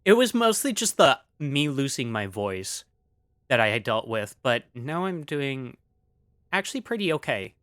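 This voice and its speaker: A man's voice: mid-range voice, very animated, measured pace, a bit bright, no echo, studio quality. A man streaming casually, rambling with many fillers as he reads chat aloud, still coughing after an illness.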